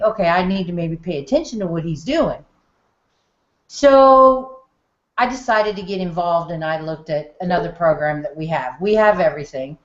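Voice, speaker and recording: A middle-aged woman telling her story on a group call from her home office, lively and acting out the dialogue. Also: medium pitch. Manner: animated storyteller who acts out quoted dialogue. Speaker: testimonial speaker on a group call. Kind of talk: casual storytelling testimonial. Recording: muffled roomy home call audio.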